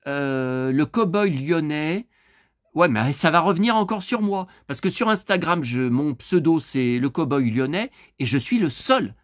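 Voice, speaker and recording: A middle-aged man talking to camera in a loose, rambling vlog, blunt and quick to swear, with lots of fillers and restarts. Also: fairly high pitch, dry recording, studio quality. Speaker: vlogger. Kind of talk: casual rambling vlog monologue.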